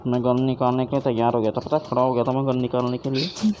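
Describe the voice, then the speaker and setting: A man chatting casually with a teammate during an online game, firing off quick repeated urgent callouts. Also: medium pitch, flat delivery, lo-fi sound, background noise. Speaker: gamer calling out plays. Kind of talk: casual team chat while gaming.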